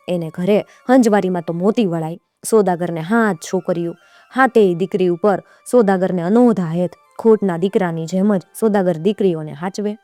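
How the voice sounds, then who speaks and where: A woman's voice: fairly low pitch, mellow, no room sound. A woman storyteller, narrating a folk tale expressively with rhythmic repetitions.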